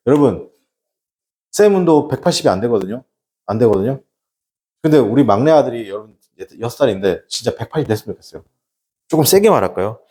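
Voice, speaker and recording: A middle-aged man lectures a classroom of students on English grammar, joking and constantly checking that they follow. His pitch swings widely from line to line, and his tone is warm and mellow. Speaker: English teacher.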